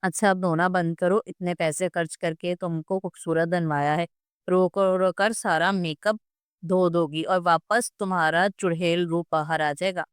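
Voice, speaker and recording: A playful, coaxing young elder brother, teasing his sister in a storybook reading, as a woman narrator voices him. The voice is crisp and on the low side. The recording is dry. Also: steady tone, measured pace, no echo, close to an everyday voice.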